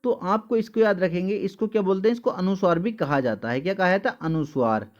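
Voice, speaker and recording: A man's voice: high-pitched, brisk, highs cut off. A male teacher giving an exam-prep lesson, asking questions and answering them himself, calling the students dear children. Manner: addresses listeners as dear children.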